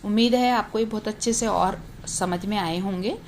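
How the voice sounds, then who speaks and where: Female teacher giving a grammar lesson to children, calling out letters one at a time, mid-pitched, faint room noise. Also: a little mellow. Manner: asks questions then answers them herself; reads out letters slowly one by one. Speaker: Hindi teacher.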